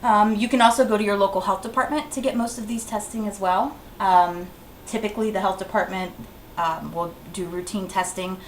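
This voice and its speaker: Speaking a little fast in a steady, medium-pitched voice, a woman delivers a casual health talk as a clinic educator, plainly instructing and going back over the main advice. The room echoes, and faint noise sits in the background.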